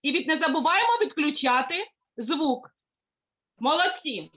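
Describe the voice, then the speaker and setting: A woman music teacher leading an online lesson for children over a video call, coaxing and praising them as she gives gentle instructions. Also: sits high, animated, a little slow, rough recording.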